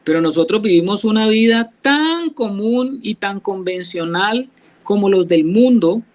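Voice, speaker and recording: A man's voice: high voice, low-quality recording. A man with a Colombian accent leading a Bible study, explaining verses patiently and asking the group questions. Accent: Colombian Spanish. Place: church, class also joined online.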